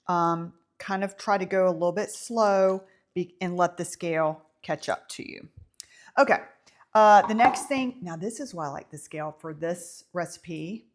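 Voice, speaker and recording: A woman with a Southern accent giving a casual, chatty baking tutorial in a home kitchen, full of ums and small self-amused asides. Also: lowish voice. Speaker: home baker teaching a bread recipe.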